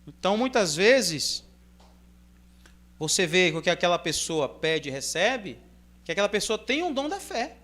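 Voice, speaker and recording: A man with a Brazilian accent, reading scripture aloud in measured phrases and then explaining it in a loose, conversational sermon style. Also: high voice, big pitch swings, a bit bright. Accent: Brazilian Portuguese. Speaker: preacher. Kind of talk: Bible reading and informal sermon commentary.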